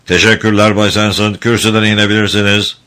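A man's voice: fairly low pitch, little pitch movement, brisk, pushed and bright, smooth. A man voicing a stern male court official who questions a witness in a formal, probing way. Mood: questioning.

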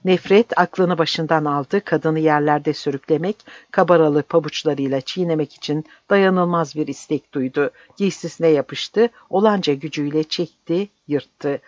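An audiobook narrator reading a dramatic novel in an intense, measured way, on a dry, slightly dull recording. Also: medium pitch, dry recording.

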